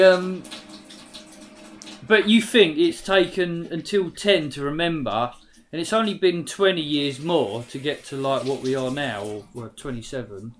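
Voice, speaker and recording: Bright-voiced British man hosting. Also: high voice. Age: late 30s. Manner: chatty, laughs easily, rambling musings. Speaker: stream host. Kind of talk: casual chat while gaming.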